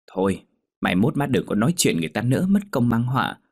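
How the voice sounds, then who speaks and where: A man voicing a gentle, worried young woman who speaks softly and hesitantly. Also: medium pitch, very animated, quick pace, slightly rough, pitched above the performer's own voice. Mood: pleading. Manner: soft, hesitant, stammering.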